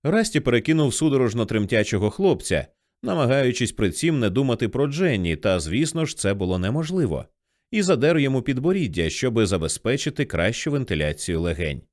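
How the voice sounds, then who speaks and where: A man reading a novel aloud as an audiobook narrator, shifting his voice for the characters' lines. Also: a little fast. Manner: lively, shifts pitch for quoted characters.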